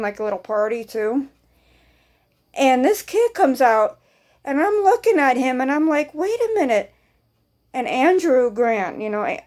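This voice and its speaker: A young woman with a slightly high voice tells a rambling story in a casual vlog. She repeats herself, doubles back on her words and swears offhandedly as she goes. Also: darkish tone. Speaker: vlogger.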